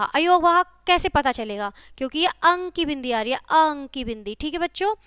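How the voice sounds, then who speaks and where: High-voiced woman teaching young children. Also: sharp tone, dry recording, clean studio sound. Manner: patient, keeps checking the children understand; spells out sounds slowly one by one. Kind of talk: classroom video lesson for children.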